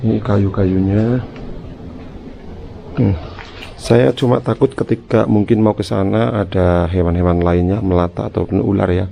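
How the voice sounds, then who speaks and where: A man's voice: deep voice, fairly even intonation, normal speed, gravelly, dark tone. A man narrating a casual exploration vlog to his viewers, talking in a hesitant, uneasy manner. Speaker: vlogger, channel host. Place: outdoors around an overgrown empty house. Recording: noisy outdoor handheld recording, ambient hum.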